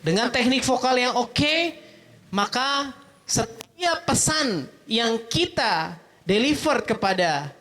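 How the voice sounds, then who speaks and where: In a mosque event hall, a public speaking trainer with a bright, high-placed voice delivers a lively workshop lecture. He poses questions to the audience and answers them himself, often closing a point with a casual "gitu ya." He takes his time, pausing frequently.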